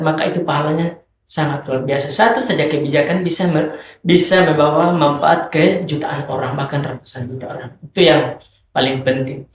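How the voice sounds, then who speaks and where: A man's voice: a little high, reverberant, a little hiss or hum, poor audio. A man in his thirties, a politician guest on a podcast, speaking earnestly about public service. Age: 30s. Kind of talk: podcast interview.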